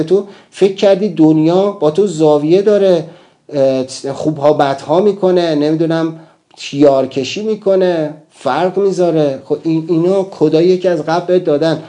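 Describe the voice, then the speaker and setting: A man delivers a motivational talk in a fairly high, mellow voice. He speaks emphatically and keeps turning to his listeners with rhetorical questions.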